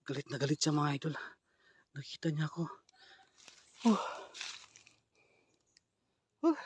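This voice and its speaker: A man filming a ghost-hunting vlog outdoors at night on a handheld camera, whispering tense commentary to viewers and now and then shouting at something unseen. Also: a little high, unhurried, slight background noise. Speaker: ghost hunter vlogger.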